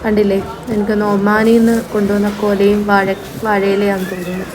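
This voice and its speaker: A woman's voice: mid-range voice, level tone, brisk, crowd noise. A woman with a Kerala Malayali accent casually narrating a vlog, mixing English words into Malayalam. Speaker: vlogger. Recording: very noisy, with vehicle-like ambience.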